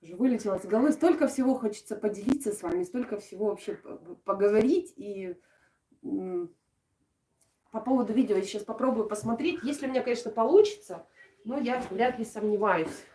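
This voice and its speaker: A young adult woman from Ukraine's Odesa region, a craft video blogger and live streamer, chats casually with her viewers from home in an Odesa accent. She is affectionate, using endearments and diminutive names, and speaks haltingly, letting thoughts trail off. Her mid-range voice is mellow, recorded on a distant microphone in an echoey room.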